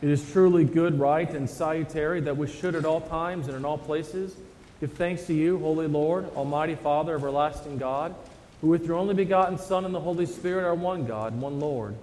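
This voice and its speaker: A man's voice: on the high side, a little mellow, soft background music. Solemn man's liturgy in cathedral-like echo. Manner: solemn, measured. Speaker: pastor leading a communion liturgy. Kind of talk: formal liturgical recitation. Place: large church interior. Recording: long cathedral-like echo, church hall.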